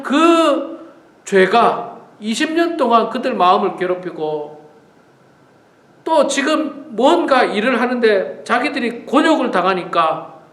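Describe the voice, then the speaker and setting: A man's voice: high-pitched, fairly bright tone, echoey room. A male pastor giving an earnest, emphatic morning prayer sermon, repeating key phrases. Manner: earnest, repetitive, emphatic preaching.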